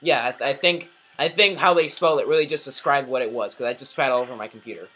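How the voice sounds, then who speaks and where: A man doing casual let's play commentary, rambling and self-deprecating, muttering asides then bursting into sudden shouts at the game. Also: medium pitch, fast, faint music behind. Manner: excitable, swings between mumbling asides and sudden shouts.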